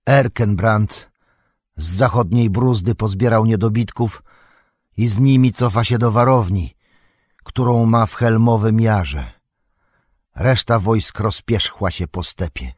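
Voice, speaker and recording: A man reading aloud, voicing a weary warrior reporting a defeat, in a husky voice. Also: fairly low pitch, takes it slowly, a little mellow, no room sound, studio quality. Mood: grim. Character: weary battle-worn male warrior.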